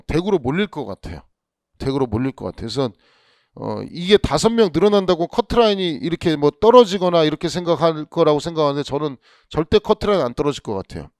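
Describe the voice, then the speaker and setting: Man, exam instructor, casual lecture, gravelly, rhetorical questions, dry close sound. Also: fairly high pitch, a little mellow, no room sound. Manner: chatty, rhetorical questions, frequent restarts. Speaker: police exam law instructor.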